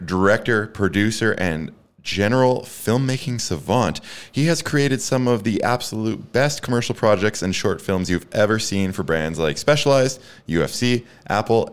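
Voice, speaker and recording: A man co-hosting a podcast, relaxed and understated, introducing a guest. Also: fairly low pitch, moderate pace, smooth. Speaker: podcast co-host. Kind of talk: casual podcast chat.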